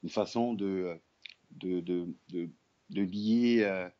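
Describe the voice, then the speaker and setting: Very deep-voiced hesitant man. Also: slow, mellow, highs cut off. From Republic of the Congo. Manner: hesitant, many fillers and restarts. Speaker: guest, actor, puppeteer, storyteller. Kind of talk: interview answers.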